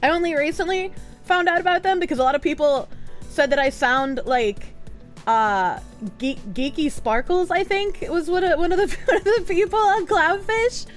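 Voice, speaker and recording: A woman live streamer chatting casually, with playful swearing and the gushing, exclamatory manner of an excited anime fan. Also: very high-pitched, moderate pace, soft background music.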